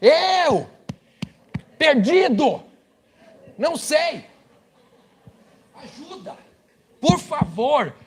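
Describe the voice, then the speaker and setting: Guy putting on a squeaky panicky lost tourist dude, yelling broken bits. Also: very animated, moderate pace, big-room sound, heavily acted. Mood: flustered. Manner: loud, flustered, broken phrases. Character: panicky Brazilian man lost abroad, shouting broken phrases.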